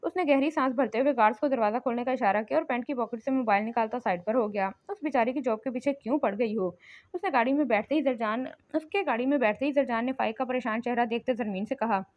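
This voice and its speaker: High-voiced woman narrating a romance novel. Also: fast talker, hardly any pauses, no room sound. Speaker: audiobook narrator. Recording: slightly muffled lo-fi recording.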